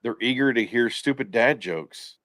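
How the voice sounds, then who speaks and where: A man's voice: mid-range voice, normal speed, fairly bright tone. A man co-hosting a live podcast, with laid-back, wry banter and easy laughter. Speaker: podcast co-host.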